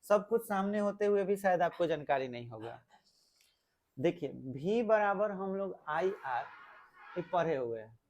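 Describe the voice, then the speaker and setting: A man's voice: high-pitched, lively intonation, measured pace, a little mellow. A male physics teacher, giving a classroom lecture, explaining step by step and asking the class questions.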